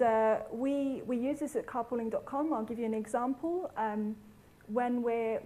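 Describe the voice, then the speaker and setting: A woman's voice: fairly high pitch, warm tone, low-quality recording. Polished woman presenting. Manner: polished, rehearsed delivery with brief fillers. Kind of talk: conference presentation. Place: conference hall.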